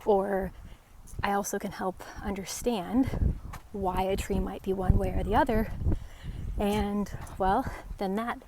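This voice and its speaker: On a walk through a residential neighborhood, a woman speaks to camera in a medium-pitched, steady voice for her tree identification vlog. Casual and conversational, she explains in short, halting phrases, with a faint outdoor backdrop.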